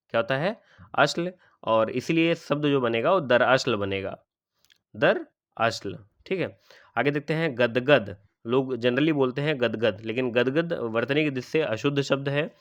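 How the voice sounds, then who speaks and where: Hindi tutor drilling spelling, smooth voice. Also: male voice, medium pitch, fairly bright tone, dry recording, muffled recording. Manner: explains step by step, asks and answers his own questions; repeats each word and checks with "ठीक है". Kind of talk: spelling lesson for exam aspirants.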